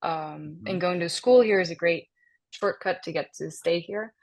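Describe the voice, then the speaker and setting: A creaky, low-sitting voice at a moderate pace comes from a woman in her thirties who was born and raised in Denmark. As a guest in a casual interview chat she is lively, laughs a lot, and often restarts with fillers.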